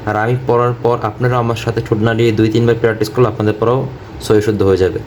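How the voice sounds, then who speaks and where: A man teaching Quran recitation step by step, explaining pronunciation rules patiently and repeating syllables slowly for learners to copy. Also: medium pitch, level tone, a little mellow, slight background noise.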